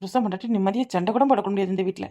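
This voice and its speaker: Woman voicing a fast-talking sulky young wife. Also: mid-range voice, warm tone, lightly acted. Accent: Kanyakumari Tamil. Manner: sulky, retorting. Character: young village wife, sulky and sharp-tongued.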